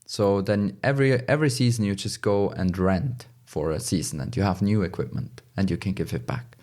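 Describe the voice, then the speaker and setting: A man giving casual advice in conversation, in halting, phrasing. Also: low voice, darkish tone. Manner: halting, non-native English phrasing.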